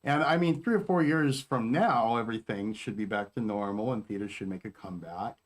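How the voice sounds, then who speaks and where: A man co-hosting a fan review podcast in casual chat, animated and full of fillers that trail off. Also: on the low side, a little fast. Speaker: podcast co-host.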